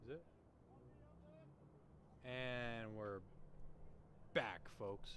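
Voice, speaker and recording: A young Canadian man gives chatty, slangy, joking play-by-play of a baseball game over a noisy live broadcast. His medium-pitched voice is a bit bright and very slow.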